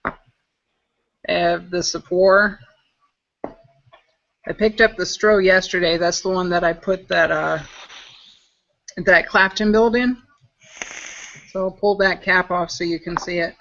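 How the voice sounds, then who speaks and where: Woman, bright voice, chatty, explaining as she works, live-stream guest, lo-fi call audio. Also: lowish voice, fairly even intonation, takes it slowly, long pauses. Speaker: guest e-juice maker demonstrating coil builds. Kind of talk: casual live-stream chat.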